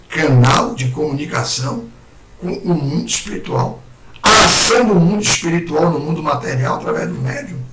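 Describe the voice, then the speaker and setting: A hoarse man gives a spiritist lecture in a high, swinging voice. He is animated and acts out the words of imagined people. He is recorded from a distance in an echoing room, with loud noise behind him. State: hoarse throat. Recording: echoey room, far mic, loud noise.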